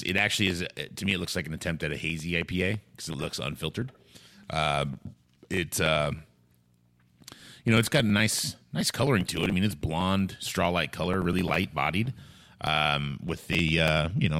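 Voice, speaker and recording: A man hosting a podcast in casual talk, rambling and halting as he restarts his phrases. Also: sits low, expressive, fairly bright tone, no echo. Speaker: podcast host.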